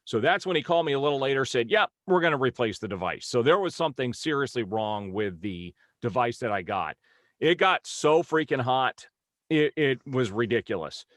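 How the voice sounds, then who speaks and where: A man's voice: mid-range voice, moderate pace, a bit bright, no echo, studio quality. Exasperated man telling a complaint story. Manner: exasperated, retells phone calls with lots of quoted dialogue. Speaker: vlogger reviewing a company's customer service. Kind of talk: casual first-person storytelling rant.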